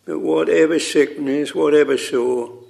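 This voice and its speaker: Slow gravelly man in solemn prayer. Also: on the high side, steady tone, a little mellow. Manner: solemn, halting short phrases, repeated "Lord". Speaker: minister leading prayer. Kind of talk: extempore public prayer in old-fashioned thou-language.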